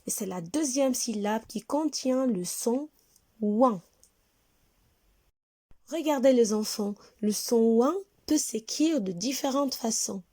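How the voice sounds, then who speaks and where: A woman teaching a reading lesson to young children, speaking slowly and clearly and spelling words out letter by letter. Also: on the high side, expressive, mellow. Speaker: primary school teacher.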